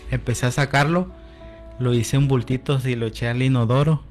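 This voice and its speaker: A man's voice: medium pitch, fairly even intonation, moderate pace, darkish tone, faint music behind. A man telling his personal testimony as a radio guest, often adding "amén" and quoting conversations. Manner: storytelling, with frequent "amén" and quoted dialogue.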